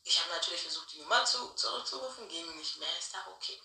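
A woman telling a personal story in a casual, animated storytime chat. She laughs often and keeps asking her listeners for agreement. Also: lowish voice, quick pace, creaky. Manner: chatty, animated, laughs often, tag questions. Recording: roomy sound from a distant mic.

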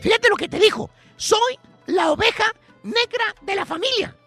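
A man with a Mexican accent hosting a radio comedy bit, telling a tale in an animated, drawling way and calling his partner caballo. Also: very high-pitched, moderate pace, faint music behind. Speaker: radio show host. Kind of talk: comic radio storytelling.

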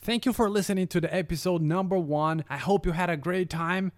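Fairly quick and high-voiced, a man who grew up speaking Brazilian Portuguese works through a prepared script about learning languages, keeping his narration careful and steady.

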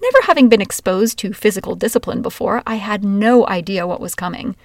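A woman's voice: mid-range voice, a little fast, no room sound, studio quality. Wry woman telling her own story. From Washington, USA. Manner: wry, candid, expressive. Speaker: memoir narrator. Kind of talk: first-person storytelling.

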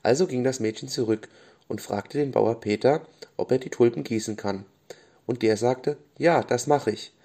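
A man gently reading bedtime stories for children, with small restarts now and then. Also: medium pitch, moderate pace. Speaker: storyteller.

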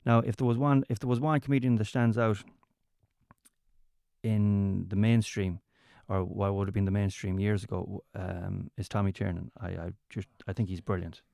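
Low-ish and gravelly yet mellow, this Mayo man's voice comes across flat in a studio recording with no room sound. An interview guest and entertainer with a west of Ireland accent, he spins casual stories, stumbling and restarting his phrases as he goes.

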